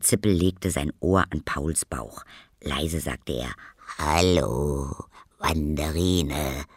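A man's voice: a bass voice, slow, husky, no room sound, studio quality. A man reading a children's story aloud in a playful, theatrical way. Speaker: audiobook reader.

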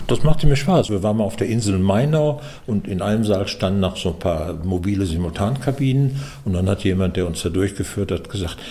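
A man's voice: on the low side, expressive, fairly quick, few pauses, warm tone. A man in his seventies, an interpreter talking reflectively in an interview. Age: 70s. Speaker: simultaneous interpreter being interviewed.

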